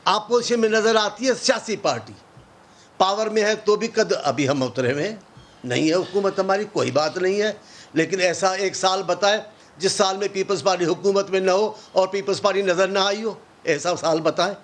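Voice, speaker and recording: A man speaking as an opposition politician in a TV political debate, impassioned and sarcastic, firing off rhetorical questions. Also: sits high. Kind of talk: political talk show debate.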